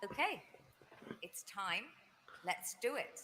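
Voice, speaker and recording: At an event venue, a ceremony host reads the shortlist aloud in an upbeat presenter's style, captured on a noisy venue stream. She speaks slowly at medium pitch with wide swings in her intonation.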